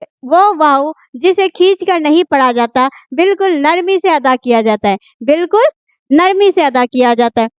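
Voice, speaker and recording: A woman teacher with a high voice works through a grammar lesson and keeps putting questions to her class before she answers them herself. The recording sounds close and dry, with a slightly dull, muffled tone. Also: expressive, unhurried, no echo. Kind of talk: grammar lesson explained at a board.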